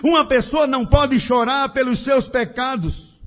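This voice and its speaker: A man preaching a sermon in a slow, emphatic style with a sing-song cadence. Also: very high voice, fairly even intonation.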